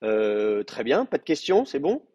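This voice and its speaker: A man teaching an advanced Hebrew class, explaining grammar with hesitant pauses, restarts and fillers. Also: mid-range voice, wildly swooping pitch, dark tone, no echo. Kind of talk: classroom lecture. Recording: muffled, dry classroom recording.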